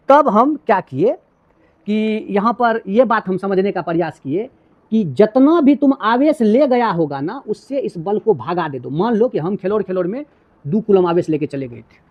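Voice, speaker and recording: A man's voice: high-pitched, lo-fi sound. A male physics teacher, lecturing a class. He keeps asking students whether they have understood and explains with homely everyday examples. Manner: asks repeated check questions to students.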